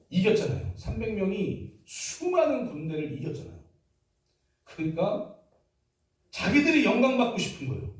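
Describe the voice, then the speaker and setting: A man's voice: a little high, darkish tone. A man preaching a sermon as pastor in a church, emphatic and firing rhetorical questions at the congregation. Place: church sanctuary. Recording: echoey hall from far off.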